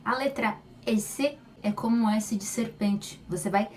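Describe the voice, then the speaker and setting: Woman, pronunciation teacher; slow, deliberate delivery, sounds repeated loudly, set back from the mic in a lightly noisy room. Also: fairly high pitch. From Brazil. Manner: models each sound slowly and repeats it loudly. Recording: voice slightly far from mic, faint room noise.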